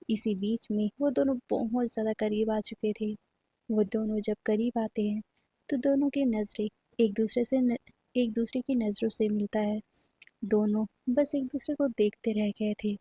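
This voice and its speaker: A woman's voice: a little high, warm tone, husky, dry recording. A woman narrating a fan fiction story in a casual storytelling manner, mixing in English words.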